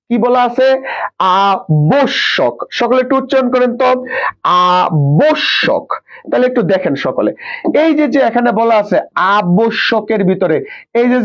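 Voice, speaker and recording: A man teaching an exam prep lesson, asking questions and answering them himself and drilling pronunciation slowly. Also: very high voice, muffled recording.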